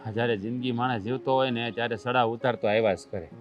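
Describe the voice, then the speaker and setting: A supportive, philosophizing village friend, played by an actor speaks at an ordinary pitch. He urges and consoles in a rural family drama, with faint music behind. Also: fairly even intonation, fast talker, lo-fi sound, close to an everyday voice. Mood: consoling. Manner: philosophizing, urging.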